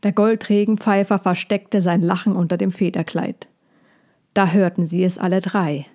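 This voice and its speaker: A woman narrating a children's fantasy story in a slow, soothing reading. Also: on the low side, steady tone, warm tone.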